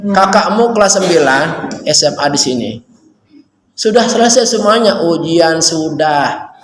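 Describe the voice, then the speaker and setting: A man giving an animated religious talk to students, going from loud urging to hushed warnings. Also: on the high side, a little slow, slight background noise. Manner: animated, swings from loud to hushed, calls listeners nak. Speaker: religious teacher at a school orientation. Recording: echoey hall with faint ambience.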